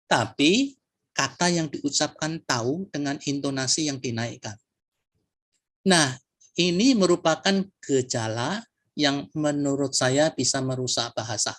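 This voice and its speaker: A man giving a measured, reflective talk on word usage at a poetry sharing session, posing rhetorical questions as he explains. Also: fairly high pitch, vocal fry, fairly bright tone.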